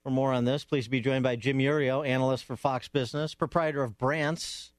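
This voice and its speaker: A man's voice: medium pitch, steady tone, brisk, clear, resonant tone, dry recording. Brief: male host, sarcastic jokey delivery, dry close sound. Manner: sarcastic, joking. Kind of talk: TV talk show.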